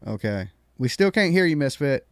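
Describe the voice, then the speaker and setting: Male panel host, fairly high-pitched, folksy casual talk, dry recording. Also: sing-song, normal speed, dry recording. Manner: folksy, slangy. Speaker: live stream host.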